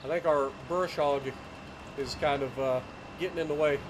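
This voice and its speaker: Talking at an ordinary pace, this relaxed Ohio man streams games and answers his chat, calling viewers by name as he plays. His mild Ohio-foothills Appalachian accent and slightly high male voice come through over a faint hum of background noise.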